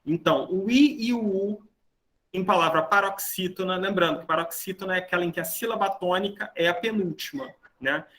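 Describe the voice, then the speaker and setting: A man's voice: high voice, fairly quick, a bit bright. A man teaching a grammar lesson to a class, explaining rules step by step and often checking that students are following. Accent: Brazilian Portuguese. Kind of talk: online grammar lecture.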